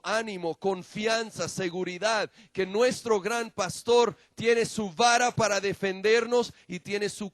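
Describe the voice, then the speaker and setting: Impassioned high-voiced male preacher. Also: no echo. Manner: impassioned preaching, dramatic swings from loud to hushed; slow, drawn-out emphasis on key words. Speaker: pastor. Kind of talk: sermon.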